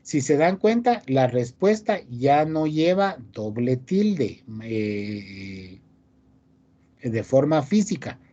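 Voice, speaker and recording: A man's voice: mid-range voice, sing-song, takes it slowly, mellow, muffled recording. A male teacher giving a class, reading rules aloud and explaining them, often ending phrases with a checking question to the students. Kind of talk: online class lecture.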